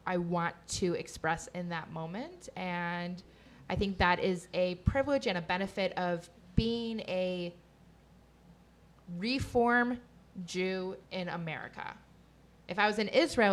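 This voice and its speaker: A woman rabbi speaking on a discussion panel, candid and wry, with some fillers. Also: fairly low pitch.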